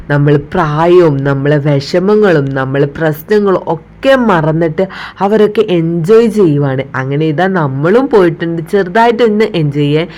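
Lively woman mixing Malayalam and English. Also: on the low side. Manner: mixes English words into Malayalam; chatty, addresses viewers directly. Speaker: travel vlogger. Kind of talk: casual travel vlog narration.

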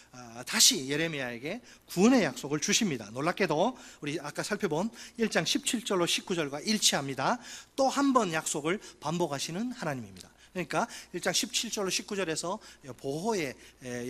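A man with a slightly high voice preaches a sermon, reading scripture with force. Between readings he talks to the congregation in a lively, conversational way. He often restarts his sentences with short fillers. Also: a little fast. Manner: animated preaching, reads scripture aloud with the congregation. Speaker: pastor.

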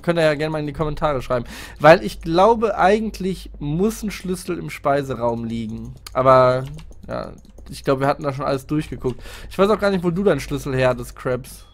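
A man giving excited, casual gameplay commentary as a let's player, jumpy and exclamatory. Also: on the high side, fairly quick. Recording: home recording with clear background noise.

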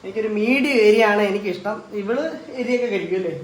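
A man's voice: sits high, fast, a little hiss or hum. A man, chatting casually and rambling as he films a family vlog in a home kitchen, mixing in English words. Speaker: family vlogger filming his partner cooking.

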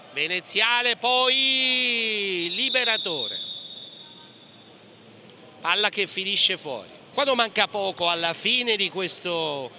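A man commentating live on a futsal match in clipped play-by-play with hesitations, passing from name to name. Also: sits high. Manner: clipped running play-by-play, naming players pass by pass, with hesitations. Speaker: sports commentator. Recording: gym ambience with clear background noise. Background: indoor sports hall sounds, bouncing ball.

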